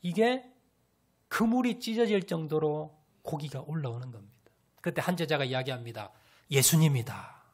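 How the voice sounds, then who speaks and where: A man preaching a sermon as a pastor, telling a Bible story with animated storytelling and questions to the congregation. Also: a little high, normal speed.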